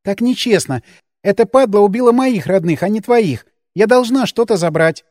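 Give me a man playing a cocky teen girl fighter, sardonic and cold, in a higher dry voice. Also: animated, normal speed, darkish tone, no echo. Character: teenage girl, sharp-tongued vengeful fighter. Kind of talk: audiobook character voice.

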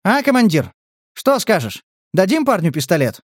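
A man's voice: high voice, big pitch swings, moderate pace, no room sound, studio quality, pitched above the performer's own voice. A man voicing a level-headed mercenary talking a scared youth down in a coaxing, persuasive way. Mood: coaxing calm. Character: calm, reasoning young mercenary negotiator.

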